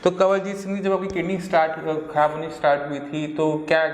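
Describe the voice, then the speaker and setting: Recorded in a large hall, a doctor with a slightly high, steady voice talks fast as he explains treatment to camera. Hosting his health channel, he interviews a patient earnestly and poses rhetorical questions.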